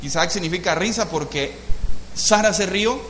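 A man preaching a sermon, telling the story in a lively way and often addressing his listeners as brothers. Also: high voice, moderate pace, echoey room, slight background noise. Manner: lively storytelling, keeps calling the congregation "hermano". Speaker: pastor.

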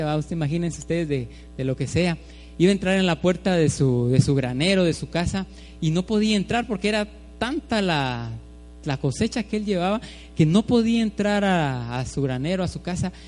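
A man's voice: a little high, a little mellow. A man preaching informally, telling a story with many restarts and fillers. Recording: long hall reverb, faint music.

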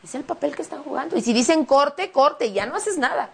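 Chatty Mexican woman with a gravelly voice. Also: high-pitched. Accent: Mexican Spanish. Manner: chatty and emotional, quick animated retelling. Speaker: interview guest, singer and actress. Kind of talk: casual interview chat.

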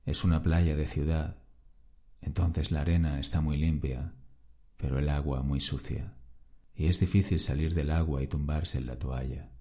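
A man, calmly narrating a first-person story as a podcast host. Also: extremely low pitch, normal speed.

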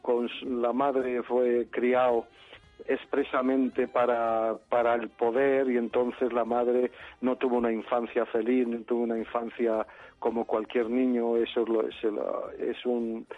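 A man's voice: mid-range voice, flat delivery. A man from Madrid, an actor, speaking in a phone interview, hesitant and full of restarts. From Madrid, Spain. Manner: halting, restarts often, searching for words. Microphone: telephone. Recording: phone line.

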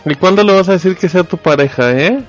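A man's voice: sits high, a little fast, dull audio, soft background music. A man with a Mexican accent co-hosting a live podcast, teasing his co-host in casual banter. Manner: teasing, playful.

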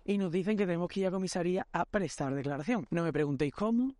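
A young Andalusian man rattles through a comic story at top speed in a somewhat high voice. He is excitable and swears freely as he talks. The sound is dry and close. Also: quick pace, no echo. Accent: Andalusian Spanish. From Algeciras, Spain. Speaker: podcast host. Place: city street outdoors, walking.

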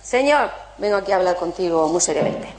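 A woman voicing a desperate drowning man who begs God to save him, in a pleading, shrill voice. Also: animated, a little fast, roomy sound, background noise, natural voice. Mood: indignant.

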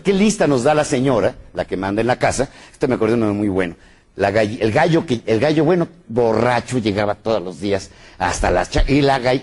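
Animated, husky Mexican seminar speaker. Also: male voice, mid-range voice. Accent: Mexican Spanish. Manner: animated, quizzes the audience with frequent tag questions. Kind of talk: live business lecture with jokes.

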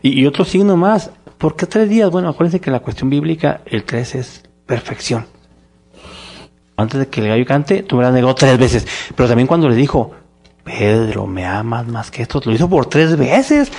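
A man's voice: mid-range voice, normal speed. A man with a Mexican Spanish accent co-hosting a casual religious discussion podcast, telling stories with energy and acting out the dialogue. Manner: animated storytelling, acts out dialogue. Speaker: podcast co-host.

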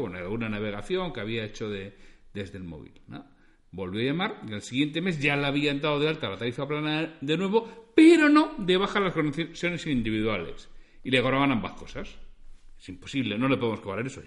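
A man hosting a podcast, telling a story in an animated, conversational way. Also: medium pitch. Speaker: podcast host. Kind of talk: storytelling narration.

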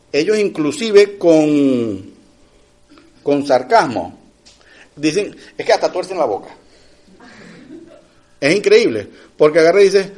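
Speaking in a high-pitched voice, a middle-aged preacher talks to his audience in a chatty, sermon-like way. He keeps turning to them with quick asides, and his volume rises to emphatic bursts before dropping low again.

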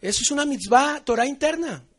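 Colombian male preacher, higher-pitched voice, lively teaching sermon with little acted-out dialogues. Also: brisk. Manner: animated, acts out everyday dialogues in the talk. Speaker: congregation teacher.

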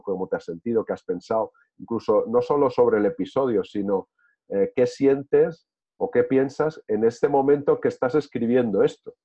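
Reflective man in a group discussion, low husky voice, hesitant, phone-quality audio. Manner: reflective, lots of hesitation fillers and restarts. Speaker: discussion participant. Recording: tinny phone-like line.

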